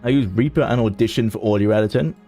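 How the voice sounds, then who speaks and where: A man's voice: lowish voice, fast talker, warm tone, soft background music. A man streaming a video game, chatting casually and thinking aloud in an amused way. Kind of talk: casual gameplay commentary.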